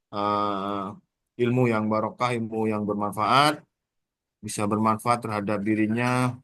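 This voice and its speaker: A man moderating a formal online thesis exam, orderly and steady, pausing with "eh" now and then. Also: fairly low pitch, dry recording. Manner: orderly, formal, with frequent "eh" pauses. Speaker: thesis examiner. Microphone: video call.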